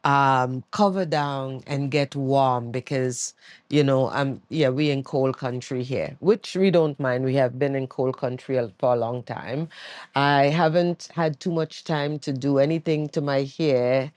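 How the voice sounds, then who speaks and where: A worn-out woman speaks slowly from her bed, taking her time and stopping often to search for words. Her tired voice is recorded close and dry, with no room sound around it. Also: extremely low pitch, darkish tone, no echo. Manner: slow, searching, pauses often with um. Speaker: vlogger. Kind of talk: reflective personal talk. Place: at home, sitting on her bed.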